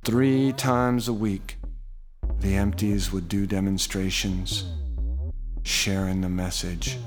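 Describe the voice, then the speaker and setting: A man narrating a dark story in a measured, wry, sardonic manner. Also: sits low, fairly even intonation. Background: synthesizer music.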